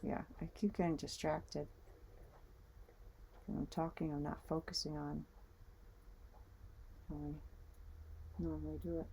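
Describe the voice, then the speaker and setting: A woman's voice: sits low, level tone, measured pace, gravelly, pauses often, warm tone, a little hiss or hum. A woman vlogger chatting casually as she knits, muttering little asides to herself while she works. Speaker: knitting vlogger. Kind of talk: casual chat while knitting.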